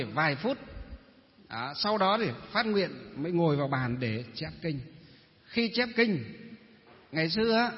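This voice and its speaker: A male Buddhist monk with a Northern Vietnamese accent giving a dharma talk, posing rhetorical questions and answering them himself. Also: high voice. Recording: reverberant hall, dull muffled sound.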